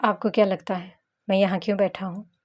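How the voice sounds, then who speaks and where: Lady reading as a soft-spoken young guy, patient and devoted, audiobook romance. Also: medium pitch, flat delivery, brisk, dull audio, lightly acted. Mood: tender. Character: young man, devoted, patient, quietly loving.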